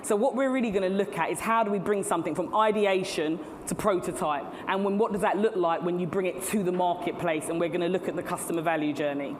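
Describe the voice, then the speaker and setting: A middle-aged woman delivers a chatty keynote to a live audience in a large hall at a tech event, laughing at her own asides. Her lowish voice moves fast with hardly any pauses, and the recording carries a little hiss or hum, long hall reverb, and faint ambience.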